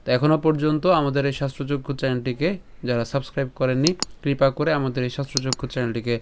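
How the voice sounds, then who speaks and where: A man teaching scripture pronunciation step by step, asking and answering his own questions and reciting verses slowly. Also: medium pitch, flat delivery, slight background noise.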